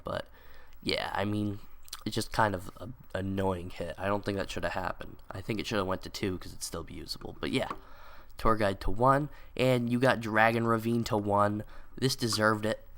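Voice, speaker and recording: A young man with a cold delivers rambling, casual card game video commentary in a low voice with a fairly bright tone. "Like" and "um" come up constantly.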